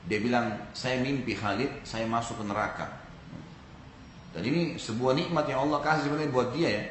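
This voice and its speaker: A man from Indonesia delivers an Islamic sermon at an ordinary pitch, telling a story and speaking straight to his listeners. The recording has a roomy echo. A faint background hum sits under his voice. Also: normal speed. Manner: storytelling, addresses audience directly. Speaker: preacher.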